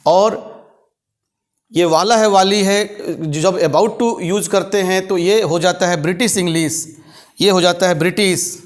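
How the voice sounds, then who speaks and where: Slow, high-voiced teacher. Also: male voice, fairly even intonation. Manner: slow, deliberate, repeats example sentences word by word. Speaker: English teacher. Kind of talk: spoken English lesson explaining grammar.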